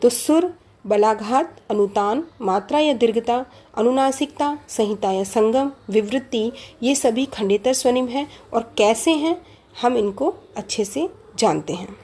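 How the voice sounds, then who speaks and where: A woman's voice: on the high side, mellow, slightly rough. A woman teaching a lecture on language, explaining step by step, repeating key terms and asking rhetorical questions. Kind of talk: lecture on Hindi phonology.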